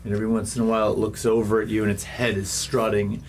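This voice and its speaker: Lowish-voiced man narrating a tabletop game. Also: flat delivery, a little hiss or hum. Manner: descriptive, stop-start phrasing with dramatic pauses. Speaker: game master.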